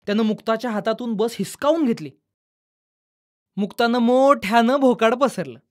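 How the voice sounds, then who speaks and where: Calm woman reading a children's story. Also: on the high side, moderate pace. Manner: calm, expressive narration.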